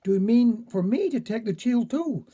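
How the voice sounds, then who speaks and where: Man doing an old cornish countryman, grumbling, slow drawl, high mellow voice. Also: animated, lo-fi sound.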